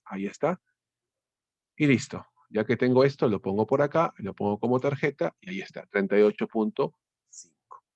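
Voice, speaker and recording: A man teaching a software tutorial, explaining step by step, often restarting words and checking in with his listeners. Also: medium pitch, no room sound, lo-fi sound. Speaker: instructor. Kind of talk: screen-recorded software tutorial.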